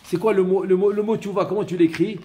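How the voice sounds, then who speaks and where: Rabbi guy teaching a torah class, voice a bit high, keeps asking questions and repeating himself. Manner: animated, asks the listener questions, repeats key phrases; chants verses slowly. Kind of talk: Torah lesson with storytelling.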